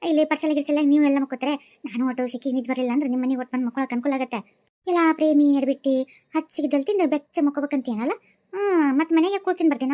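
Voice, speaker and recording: A woman's voice: high-pitched, warm tone, muffled recording, natural voice. A woman voicing a chatty village woman neighbor in a cartoon, speaking in a North Karnataka Kannada accent. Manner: chatty, gossiping. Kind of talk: cartoon voice acting.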